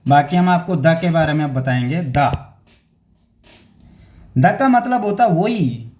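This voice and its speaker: A man's voice: fairly high pitch, animated, slow pace, a little mellow. A young man teaching an exam-prep grammar lesson in casual Hindi mixed with English, repeating words and checking in with "theek hai" again and again.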